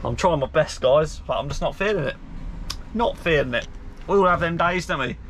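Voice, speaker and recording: Man, thirties, lorry driver vlogging, lively up-and-down voice, loud engine rumble behind. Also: brisk. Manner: chatty, talks to himself and viewers, sometimes weary. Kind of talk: casual vlog chat while driving. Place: cab of a hook-loader lorry, driving. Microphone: dashboard camera mic. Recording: loud engine and road noise. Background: lorry engine and traffic.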